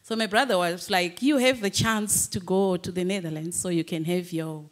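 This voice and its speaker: At a public panel in a large hall with an audience, a woman in her forties from Zimbabwe speaks as an audience member into a handheld microphone. Her voice is fairly low and fairly even, at a moderate pace, as she tells a rambling personal story and laughs often.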